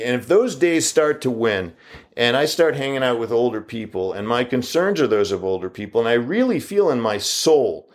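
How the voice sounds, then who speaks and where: Man, 50s, opinion monologue. Argumentative, hammers rhetorical questions, voice leaps up on each challenge. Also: mid-range voice.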